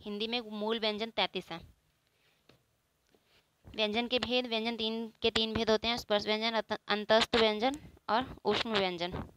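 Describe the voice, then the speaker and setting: A woman's voice: fairly high pitch, steady tone, moderate pace, background noise. A woman teaching a grammar lesson, explaining step by step, asking and answering her own questions and drawing out the example sounds. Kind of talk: spoken Hindi grammar lesson.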